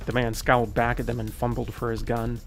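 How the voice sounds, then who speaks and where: A male streamer reads a game's story text aloud at a steady pace. His voice is mid-pitched and plain, and he trips over a word now and then, then corrects himself. Faint music sits low behind him. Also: fairly quick, creaky. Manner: steady narrating read with occasional slips and self-corrections. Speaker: gaming streamer. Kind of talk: reading a visual novel aloud.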